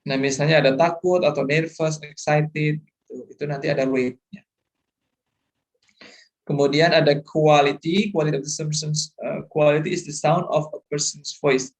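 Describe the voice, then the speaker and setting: A man's voice: a little high, level tone, normal speed. A middle-aged male lecturer, explaining course material and often checking that students follow, mixing English terms into his talk. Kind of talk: online lecture.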